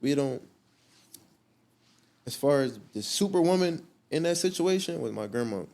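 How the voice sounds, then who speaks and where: A man's voice: a little high, expressive, moderate pace, creaky, a little mellow. A young man speaking as a guest, telling his story in slangy, profane talk full of restarts. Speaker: guest artist. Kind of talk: candid storytelling interview.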